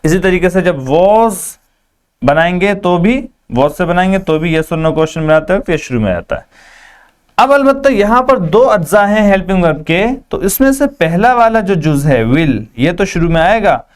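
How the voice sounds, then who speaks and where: Male teacher, smooth clear voice pitched a little high, slow deliberate classroom drilling. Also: sing-song. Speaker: English teacher. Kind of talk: spoken English lesson.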